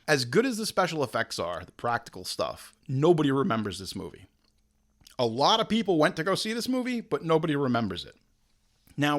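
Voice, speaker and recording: A man hosting a show, telling film history in a casual, joking way with animated asides. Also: a little high. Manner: animated storyteller, jokey asides. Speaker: show host.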